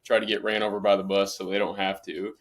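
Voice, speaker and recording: A man's voice: lowish voice, little pitch movement, quick pace. A man in his thirties, a podcast guest, talking in a friendly, easygoing, plain-spoken way. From Southern Illinois. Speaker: podcast guest, real estate investor. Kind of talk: casual interview chat.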